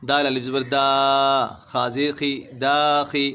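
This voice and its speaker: A man gives a patient, step-by-step reading lesson, spelling letters one at a time and stretching out long vowels. His voice sits at an ordinary middle pitch. He talks like a teacher walking a student through each line. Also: little pitch movement, creaky, sharp tone, clear, resonant tone. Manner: spells letters slowly, then draws out the syllables. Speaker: Quran teacher. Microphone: voice-over over screen recording.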